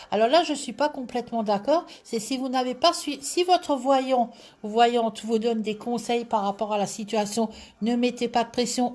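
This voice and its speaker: A woman's voice: fairly high pitch, darkish tone. A woman with an Alsatian accent hosting a live stream as a clairvoyant, talking casually and breaking off to greet viewers by name. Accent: Alsatian French. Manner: chatty, digressive, greets viewers by name mid-sentence. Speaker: clairvoyant livestream host.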